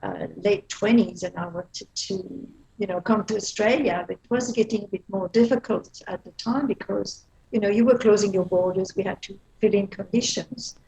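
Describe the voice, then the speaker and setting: A Belgian woman in her fifties, with a Belgian accent, is a lively guest in a casual interview, laughing often and restarting her sentences. Her medium-pitched voice is gravelly and her pace normal, and the recording sounds rough.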